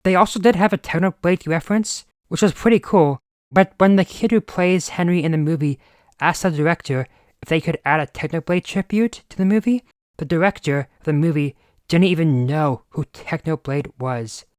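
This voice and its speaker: A man's voice: on the high side, moderate pace, no echo. Twenties male reviewer, exasperated ranting delivery, dry sound. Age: 20s. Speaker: movie reviewer. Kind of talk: scripted review commentary.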